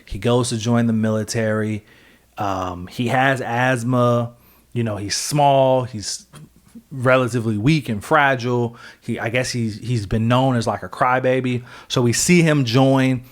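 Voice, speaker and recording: A man's voice: mid-range voice, fairly even intonation, a little slow. Man rambling through a comic recap. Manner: rambling, filler-heavy, self-correcting storytelling. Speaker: podcast co-host. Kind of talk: casual comic-book recap chat.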